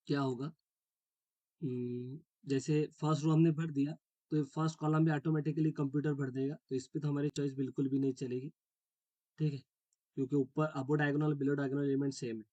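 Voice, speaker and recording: Man, math teacher, slightly high mellow voice, step-by-step explaining, dry close sound. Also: level tone, normal speed, pauses often, no room sound. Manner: explains step by step, checks understanding often; mixes English terms into Hindi. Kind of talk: classroom lecture.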